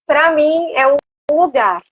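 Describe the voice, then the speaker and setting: High-voiced Brazilian woman, rambling guest. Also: slow, dry recording, highs cut off, faint music behind. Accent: Brazilian Portuguese. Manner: rambling and animated, many hesitant fillers. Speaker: interview guest. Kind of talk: casual conversation.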